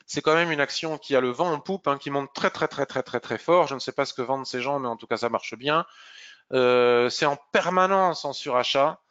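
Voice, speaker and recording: A man presenting a live market review, explaining charts while thinking aloud, pausing and clearing his throat. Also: mid-range voice, a bit bright, dull audio. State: slightly hoarse, clearing throat.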